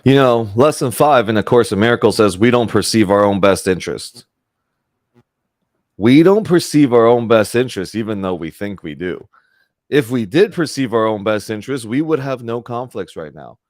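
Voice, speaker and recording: A man's voice: lowish voice, lively intonation, normal speed, darkish tone, dry recording, clean studio sound. A man in his thirties hosting a casual spiritual talk over a video call, earnest and chatty and often correcting himself. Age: 30s. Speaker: spiritual group host.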